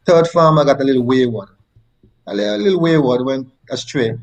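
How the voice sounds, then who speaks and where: Man, Nevisian Kittitian-islands accent, medium pitch, conversational storytelling, repeats phrases for emphasis. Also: animated, a little fast, creaky. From Nevis, Saint Kitts and Nevis. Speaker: interview guest, former track athlete.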